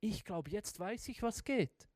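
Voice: medium pitch, lively intonation, measured pace, darkish tone, no echo, clean studio sound. A preacher voicing an older male priest and teacher who talks in sleepy, grumbling slang. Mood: calm.

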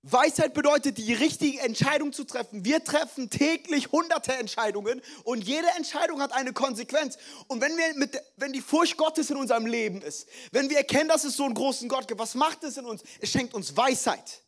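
A young man preaching a sermon as pastor, lively and joking, slipping in English phrases. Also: extremely high pitch, brisk.

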